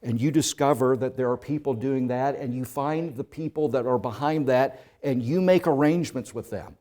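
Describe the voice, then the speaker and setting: A male preacher delivers a sermon at a moderate pace, his voice medium in pitch as he tells a second-person story. Hushed stretches give way to loud, swelling ones.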